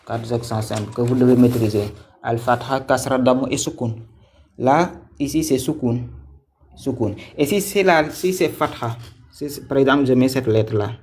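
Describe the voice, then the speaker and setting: A man teaches a live online class, repeating himself patiently and putting questions to his viewers. His voice sits at an ordinary middle pitch. Faint noise hangs behind the stream. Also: creaky, a little mellow. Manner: patient, repetitive, quizzes viewers; thanks viewers by name. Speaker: Quran teacher. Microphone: livestream mic.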